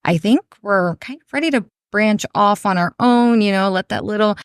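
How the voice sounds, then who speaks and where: Smooth-voiced woman from Brazil, chatty guest. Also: medium pitch, normal speed, no room sound, clean studio sound. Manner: rambling, warm, full of "you know" fillers. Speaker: podcast guest, business owner. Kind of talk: casual interview chat.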